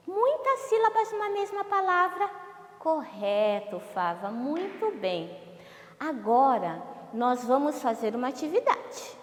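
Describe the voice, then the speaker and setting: Woman teacher, slow and lively-pitched, asks and answers her own questions; long room reverb. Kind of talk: remote televised class lesson.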